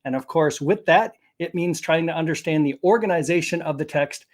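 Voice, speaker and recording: A man's voice: fairly high pitch, fairly quick. A man hosting a live online interview, presenting in an upbeat, promotional way over a video call. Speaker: host.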